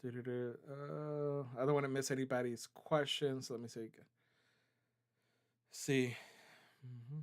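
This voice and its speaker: A man's voice: mid-range voice, level tone, slow, long pauses, clear, resonant tone. A man hosting a live stream, answering viewers' chat questions in a loose, conversational way, often checking in with "right?" and "okay?". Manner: loose, with many fillers and restarts. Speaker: trading company CEO hosting a live stream.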